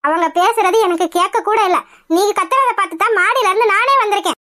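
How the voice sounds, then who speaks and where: A woman voicing a calm, polite young daughter in a cartoon, speaking gently and reasonably. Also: extremely high pitch, quick pace.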